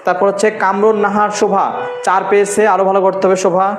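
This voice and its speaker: A man's voice: sits high, level tone, quick pace, reverberant, faint music behind. A man, a teacher reading out exam results to his students with teasing, encouraging asides.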